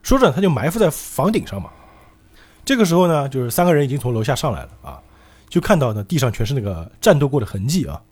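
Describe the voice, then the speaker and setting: Fast-talking animated man retelling a story. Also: mid-range voice, breathy edge. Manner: animated, laughs often, acts out the quotes. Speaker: podcast host. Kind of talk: casual retelling of a comic story.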